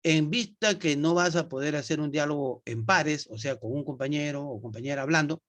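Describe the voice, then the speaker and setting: A man's voice: a little high, normal speed, a bit bright. A man teaching English to nursing students in an online class, patient and repetitive, often checking that everyone follows. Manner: patient, repeats himself, checks understanding with tag questions.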